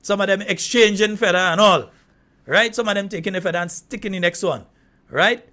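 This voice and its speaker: A man from Trinidad, hosting a call-in radio show with animated, indignant commentary and laughing asides. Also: high-pitched, brisk. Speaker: radio talk show host.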